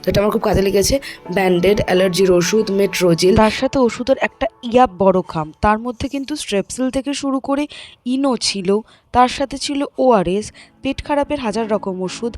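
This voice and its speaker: A woman's voice: medium pitch, fast talker, darkish tone, faint music behind. A young woman with a Bengali accent, chatting directly to her viewers in a casual travel vlog. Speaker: travel vlogger.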